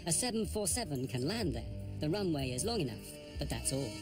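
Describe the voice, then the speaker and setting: A man narrating a documentary in a measured, grave scripted delivery. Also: on the high side, sing-song. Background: music.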